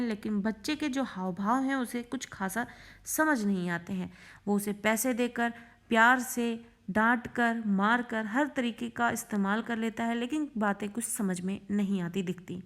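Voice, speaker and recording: A woman teacher with a somewhat high voice reads a short story aloud and explains it as she goes. Her delivery is measured and explanatory, a steady classroom reading. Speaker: Hindi teacher.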